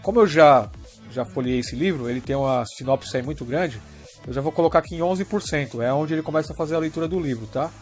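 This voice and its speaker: A man's voice: fairly high pitch, fast talker, a little mellow, faint music behind. A Brazilian man demonstrating a phone app step by step, in a casual way with frequent "tá?" and "né?" check-ins. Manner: explains step by step, often checking in with "tá?" and "né?". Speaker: app tutorial presenter.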